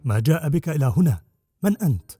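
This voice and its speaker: A man voicing a greedy, cold old uncle with a hoarse voice, speaking grudgingly and sharply. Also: on the low side, sing-song, quick pace, mellow, no room sound, full character voice. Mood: suspicious. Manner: grudging, snappish.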